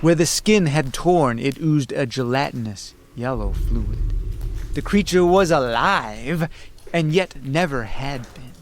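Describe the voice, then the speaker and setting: Male storyteller for dark fantasy: theatrical, slow, highly varied pitch, dramatic pauses. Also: animated, slight background noise. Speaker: narrator of a fantasy horror story. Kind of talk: dramatic scripted first-person narration.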